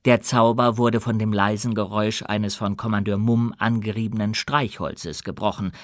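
A man narrating a fantasy audiobook in an even, measured storytelling manner. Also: medium pitch, no echo, studio quality. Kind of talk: scripted narration.

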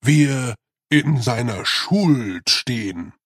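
A gentle giant of a yeti rumbles out his words very slowly, as a man puts him on. He jumbles his word order like a creature new to speech. The storybook sound is dry and close. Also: animated, slightly rough, no room sound, exaggerated voice. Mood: ponderous. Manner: slow, odd word order.

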